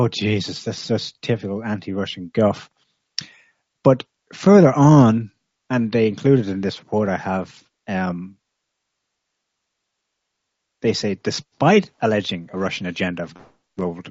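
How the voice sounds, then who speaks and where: Husky, lowish man, measured political co-host, muffled recording. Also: darkish tone, no echo. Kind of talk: political discussion. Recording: muffled dry audio.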